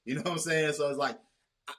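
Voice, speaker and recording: A man hosting a casual sports chat, talking in long rambling runs with many restarts and a measured, cautious tone. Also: fairly high pitch, steady tone, fairly bright tone. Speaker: host.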